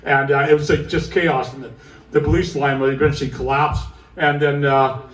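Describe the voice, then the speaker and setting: A man's voice: medium pitch, fairly even intonation, moderate pace. Rambling, swearing man telling stories on stage. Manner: rambling and profane, with asides and "right?" tags. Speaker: musician performing live. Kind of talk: onstage storytelling between songs. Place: music club stage. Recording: roomy live club audio, from far off.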